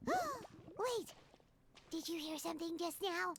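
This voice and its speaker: A woman voicing a tiny floating girl companion in a game, with a high, childlike, bouncy voice. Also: big pitch swings, takes it slowly, fairly bright tone, a little hiss or hum, exaggerated voice. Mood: curious. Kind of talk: game voice acting.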